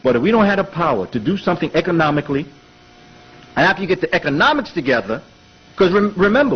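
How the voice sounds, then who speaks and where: A man's voice: fairly high pitch, slightly rough. A man giving a lecture presentation, emphatic and rhetorical, speaking straight to his audience. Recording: dull lo-fi recording.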